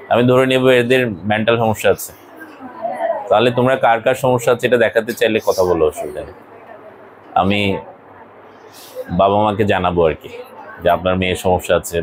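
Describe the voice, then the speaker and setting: Male college English teacher, firm classroom lecturing, faint room noise. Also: on the low side. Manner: scolding and explaining, mixing English phrases into speech.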